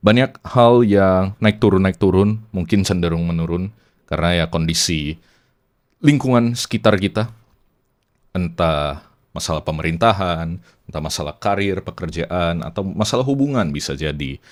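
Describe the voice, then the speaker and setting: Young male host with a Medan accent, low voice, relaxed chatty monologue. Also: moderate pace. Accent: Medan Indonesian. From Medan, Indonesia. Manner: relaxed, chatty, mixes in English phrases. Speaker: podcast host. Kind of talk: casual reflective monologue.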